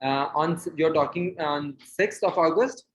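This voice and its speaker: A man's voice: fairly high pitch, a little slow. A man with an Indian accent leading an informal online group discussion, mixing Hindi and English. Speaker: session leader and speaker. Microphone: video call. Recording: muffled online call with noise and clicks.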